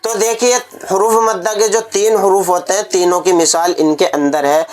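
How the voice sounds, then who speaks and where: A man's voice: high-pitched, level tone, normal speed. A man teaching Quran reading, spelling out letters one by one and drawing out the long vowels so students can repeat after him. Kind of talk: step-by-step recitation lesson.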